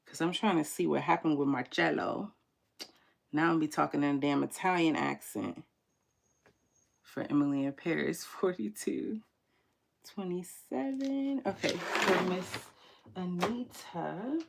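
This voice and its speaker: A woman with a low, gravelly voice hosts a casual tarot livestream. She reads viewer comments aloud and talks in a relaxed, slangy way between card pulls. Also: measured pace. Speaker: tarot reader hosting a livestream.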